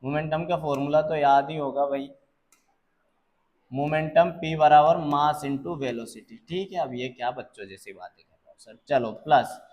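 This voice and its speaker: A man tutoring physics, slowly working through exam problems and checking that students follow. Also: fairly high pitch, a little mellow. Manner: calls students "beta", checks understanding; slow, deliberate explaining.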